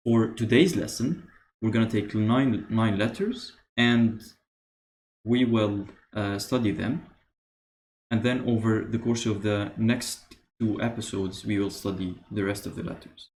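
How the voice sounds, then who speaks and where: A man teaching beginner Arabic, explaining patiently with pauses and many "uh"s. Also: on the low side, darkish tone, a little hiss or hum. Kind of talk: beginner language lesson.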